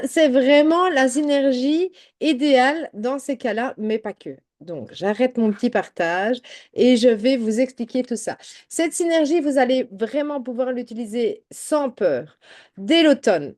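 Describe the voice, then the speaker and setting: A woman talks casually to her viewers, presenting a product. She speaks directly to them and fills her talk with little fillers. Her voice sits a bit high but sounds mellow and soft. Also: unhurried. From Belgium. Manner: chatty, addresses viewers directly with many fillers. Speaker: home-products sales adviser.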